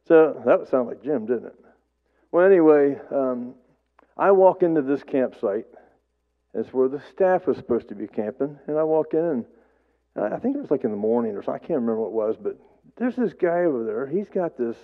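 A man giving a eulogy to an audience, telling stories in a rambling, halting way with repeated words and folksy humor. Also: mid-range voice. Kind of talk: storytelling speech to a gathered audience. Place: memorial service, before an audience. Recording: tinny phone-like sound.

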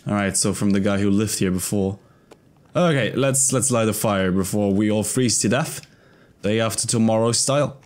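A gaming video host in his twenties gives casual let's-play commentary from a desk indoors, thinking aloud in a hesitant mutter into a close desk microphone. His voice is lowish and a little mellow, at a moderate pace.

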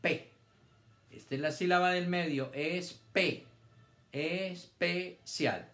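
A man's voice: high-pitched, steady tone, a little slow, a bit bright. A man teaching a children's reading lesson, patiently stretching out words syllable by syllable. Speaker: primary school teacher. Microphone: camera on a stand.

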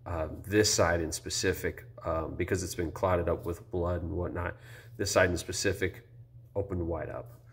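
A deep-voiced man in his thirties, a vlogger, rambles through a casual first-person video review, full of ums and restarts. He sounds congested and a bit tired after nose surgery. He's recording indoors in a high-ceilinged room on a phone held close.

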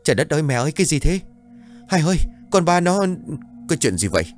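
A man's voice: a little high, big pitch swings, brisk, faint music behind, voice pushed up. A man voicing a panicked young adult son, asking alarmed questions in a raised voice.

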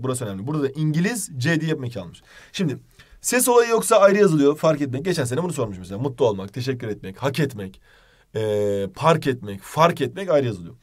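A man with a slightly high voice runs an exam-prep grammar lesson. He talks straight to his students and rattles off examples in quick lists. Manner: direct, addresses students informally. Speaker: teacher.

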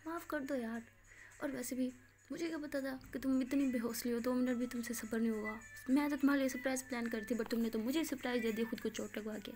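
A woman's voice: on the high side, steady tone, quick pace, a little mellow, lightly acted. A woman doing a teasing, bossy young woman. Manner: teasing, scolding.

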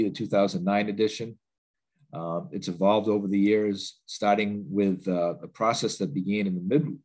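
This man's lowish voice has a darkish, slightly rough quality, and a cold has left him stuffy. Running a training webinar over a laptop video call at home, he talks loosely, with plenty of fillers and restarts.

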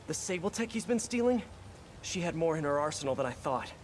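A man's voice: on the high side, lively intonation, a little fast, slight background noise, close to an everyday voice. An actor voicing a quippy, self-deprecating young male superhero in a video game. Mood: regretful. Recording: game music behind the voice.

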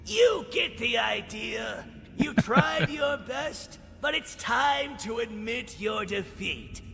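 An actor playing a vengeful undead skeleton boss in a video game, gloating with slow, theatrical villain menace. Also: male voice, very high-pitched, expressive, gravelly, sharp tone, exaggerated voice. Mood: smug menace. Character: vengeful undead skeleton crime boss, evil twin brother. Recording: long cavernous reverb, game music underneath.

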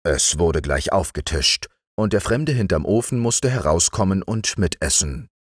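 A man reading a fairy tale aloud in a calm bedtime manner, slow and expressive, into a close microphone. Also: deep voice, breathy edge, no room sound. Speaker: audiobook reader.

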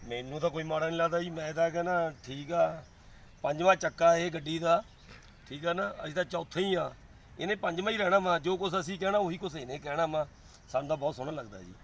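A man's voice: a little high, fast, fairly bright tone. A man in his forties with a Punjabi accent, answering questions casually in an outdoor interview. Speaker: comic performer being interviewed. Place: outdoors in a leafy park.

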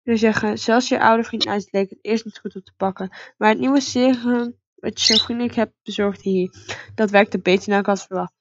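A woman's voice: medium pitch, steady tone, moderate pace, no echo, highs cut off, natural voice. A woman voicing a scheming male villain boss in a horse-riding game, with a mocking, gloating manner.

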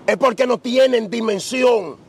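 A man's voice: very high voice, a little slow, vocal fry, slight background noise. A middle-aged man preaching outdoors on a beach, asking rhetorical questions with emphasis. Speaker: preacher being interviewed. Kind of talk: preaching conversation.

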